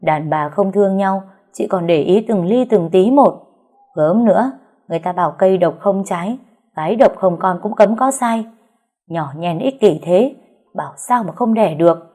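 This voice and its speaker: A woman's voice: mid-range voice, normal speed, dark tone, lightly acted. A woman voicing a harsh older mother-in-law who scolds with contempt, reading a storybook tale. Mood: scornful.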